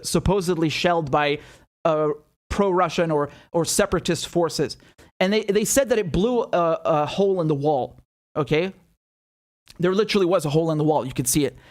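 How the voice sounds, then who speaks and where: A man giving casual, unscripted live news commentary in a rambling, halting way that drifts into tangents. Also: on the high side.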